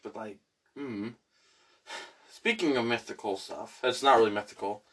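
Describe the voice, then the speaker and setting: A young man chatting casually with a friend, playful and goofy, often breaking into silly voices and sound effects. His pitch sits in an ordinary middle range. He sounds a little distant from the microphone. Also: moderate pace, a bit bright, slightly rough. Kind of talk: casual chat.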